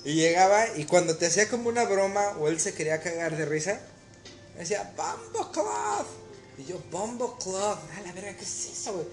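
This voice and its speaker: A man's voice: sits high, fairly quick. A man with a Mexican accent, a cook telling stories in a casual chat, full of slang and swearing. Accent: Mexican Spanish. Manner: loose storytelling, heavy slang and swearing. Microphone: phone. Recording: echoey room, music behind.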